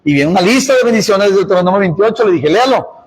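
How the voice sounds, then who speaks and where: A man's voice: sits high, lively intonation, rapid-fire, breathy edge, rough recording. A male pastor, preaching a sermon and exhorting the congregation. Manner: preaching, with quoted voices and emphatic exhortations.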